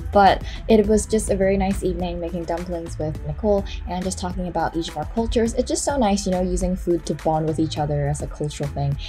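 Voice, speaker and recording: A woman's voice: lowish voice, dark tone. Young woman student vlogging, chatty and upbeat, fair bit of um, music going under it. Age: young adult. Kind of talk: casual vlog narration.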